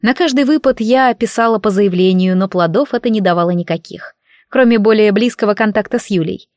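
A woman narrating a novel in the first person, in a lively storytelling manner. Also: mid-range voice, a little fast, no echo, clean studio sound. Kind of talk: audiobook narration.

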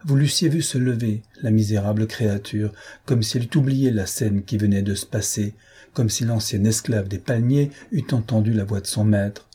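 A man narrating an audiobook novel in a measured, dramatic reading style. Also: fairly low pitch, mellow, breathy edge. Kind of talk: scripted narration.

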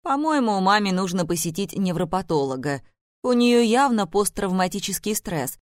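Woman reading a calm, gentle husband. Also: medium pitch, normal speed, dry recording, clean studio sound, lightly acted. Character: calm grown-up son, husband.

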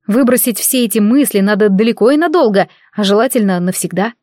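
A woman narrating a novel in the first person, with steady, engaged storytelling. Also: mid-range voice, brisk, no room sound, clean studio sound. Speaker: audiobook narrator.

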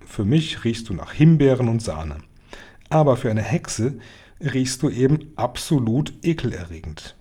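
A man's voice: mid-range voice, very animated, a little slow, dark tone, slightly rough. A man voicing a stern, knowing old grandmother who gives grave, matter-of-fact warnings in a storybook.

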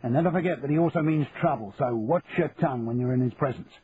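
A man's voice: mid-range voice, quick pace, lightly acted. A man voicing a blunt, world-weary duty sergeant giving a warning. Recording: tinny phone-like, faint hiss.

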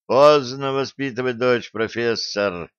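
A man voicing a gruff, sardonic male starship captain who gives bossy orders, in a dull lo-fi audiobook recording. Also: mid-range voice, slow, fairly bright tone, no room sound. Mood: stern mocking. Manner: bossy, grumbling.

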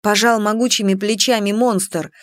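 A woman narrating a first-person audiobook with an expressive, emotional reading. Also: mid-range voice, normal speed, dry recording.

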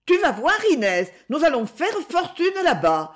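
An eager, cheerful young schoolboy, put on by a woman reading an audiobook, speaks in a high, bouncing voice. His lines swing up and down with earnest excitement. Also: a little slow. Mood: enthusiastic. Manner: bright, pleading, enthusiastic.

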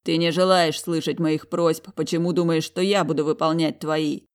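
A woman voicing a commanding, possessive male dragon general in an audiobook, stubborn and low, tender when he is close. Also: little pitch movement, normal speed, darkish tone, natural voice. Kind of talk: audiobook reading.

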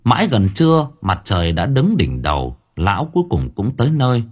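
A man narrating a horror story in a dramatic, expressive way. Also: on the low side, fairly quick, husky. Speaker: audiobook narrator. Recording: faint background music.

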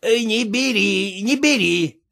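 A woman reading a story, voicing a stubborn, scornful husband who talks slowly. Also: medium pitch, lively intonation, gravelly, a bit bright, voice pushed up, exaggerated voice. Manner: slow, scornful.

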